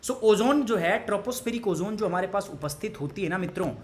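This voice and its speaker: A man's voice: high voice, lively intonation, fairly quick, echoey room. A young man teaching an online exam-prep class, chatty and pushy, mixing Hindi with English and asking the class questions as he goes. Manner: pushy, motivational asides to students.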